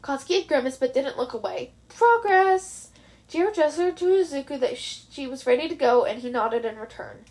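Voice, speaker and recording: This is an expressive fan fiction reading by a woman with a high voice, a hobbyist telling an audio story at normal speed.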